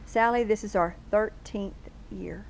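A woman's voice: mid-range voice, a little slow, creaky, slight background noise, rough recording. Earnest woman explaining plainly. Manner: earnest, explanatory, lists questions. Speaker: homeschool bookstore guest. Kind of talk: casual TV interview chat. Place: local TV studio.

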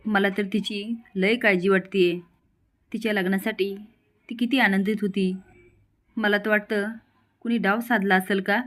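A woman voicing a caring young village wife who pleads gently. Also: mid-range voice, steady tone, moderate pace, long pauses, natural voice. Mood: worried, pleading.

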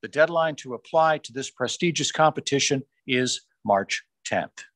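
Over a video call from a small room, a man formally announces science fair award winners, his pitch lifting on each school name. His tone is fairly bright and measured, and the recording sounds dry.

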